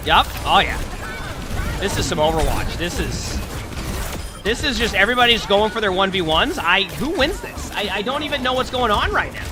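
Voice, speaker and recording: Streaming with music in the background, a man coaches a player through gameplay and addresses their mistakes directly. His voice is high-pitched and sing-song at a moderate pace, a little hoarse since he's feeling under the weather.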